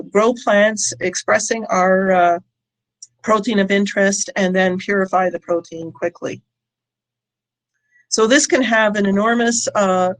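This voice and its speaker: A woman giving a prepared short talk as a scientist and founder, hesitating often with ums and pauses. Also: mid-range voice, poor audio. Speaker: company founder and scientist presenting. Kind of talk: prepared short conference presentation. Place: online presentation with audience in chat.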